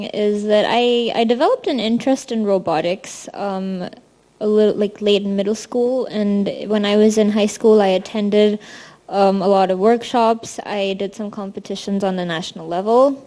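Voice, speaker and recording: A woman's voice: medium pitch, dark tone. A young woman from India stands before an audience and talks about her university life. Her delivery is loose and friendly, sprinkled with ums and small restarts, like a student presenting to a room. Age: young adult. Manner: casual, frequent ums, friendly. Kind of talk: presentation talk.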